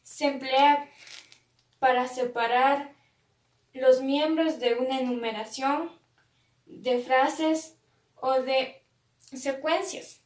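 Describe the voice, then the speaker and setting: A woman student reading a class presentation aloud, slowly and carefully with pauses. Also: high voice, fairly even intonation, recorded from a distance. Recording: echoey room, away from the mic.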